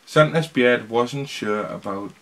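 A man's voice: mid-range voice, slow pace, fairly bright tone. A man at home chatting on a family vlog and reading a picture book aloud to his child, with dry teasing asides. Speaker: vlog co-host and dad. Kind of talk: casual chat and reading a bedtime story.

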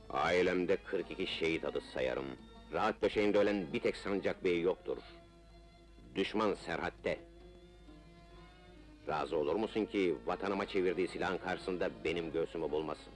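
Actor as very deep-voiced, ardent Ottoman officer. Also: moderate pace, lightly acted. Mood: fervent, patriotic. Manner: declamatory, poetic, earnest. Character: ardent patriotic Ottoman officer in love, solemn and resolute. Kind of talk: old Turkish film melodrama acting. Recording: old film soundtrack with music. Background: film music.

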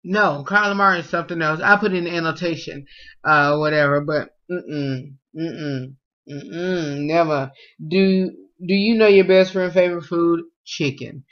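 A man's voice: a little high, a little slow. A young man, chatting casually at home as he reads out food questions and answers them with lots of fillers, recorded on a close webcam. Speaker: vlogger. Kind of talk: casual food tag vlog. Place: small room at home, indoors. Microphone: webcam at close range. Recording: dull lo-fi webcam audio.

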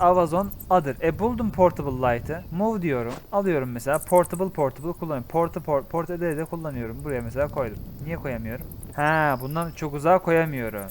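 A young man with a Turkish accent gives casual let's-play commentary, excitable and exclaiming, swinging from loud outbursts to low muttering. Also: a little hiss or hum. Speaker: gaming YouTuber.

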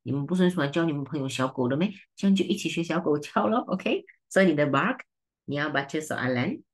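Woman tutor, Malaysian Mandarin accent, low voice, brisk and teasing, switches between languages. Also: animated. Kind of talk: online seminar lesson.

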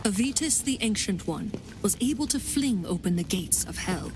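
An actress voicing a vengeful warrior queen in a video game, a grieving mother with iron will who speaks gravely and with command. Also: mid-range voice, lively intonation, normal speed, lightly acted, poor audio. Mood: grim, vengeful. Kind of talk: video game character dialogue. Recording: music behind the voice.

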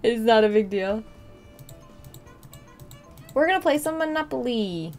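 A woman's voice: fairly high pitch, expressive, measured pace, darkish tone, faint music behind. A woman chatting casually on a game live stream as a VTuber, with a cute, bubbly anime-streamer delivery. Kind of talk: casual live-stream chat while gaming.

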